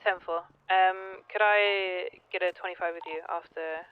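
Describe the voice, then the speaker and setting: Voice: mid-range voice, steady tone, unhurried, smooth. A roleplay police officer calling in radio codes over a police radio. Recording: muffled radio with faint noise.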